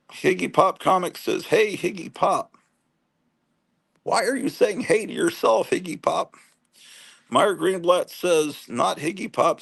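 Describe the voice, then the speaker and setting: On a comic collecting livestream, a man in his late fifties chats casually in a gravelly, husky, fairly high voice. He reads viewers' messages aloud, wanders from story to story, trails off and resumes, and readily pokes fun at himself.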